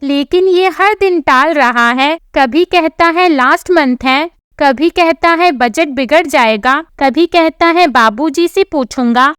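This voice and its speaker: A woman's voice: high-pitched, takes it slowly, few pauses, no echo, clean studio sound. A woman voicing an arrogant, scornful young daughter-in-law in a storybook tale, speaking with contempt. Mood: indignant. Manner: contemptuous, sharp-tongued. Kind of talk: storybook narration.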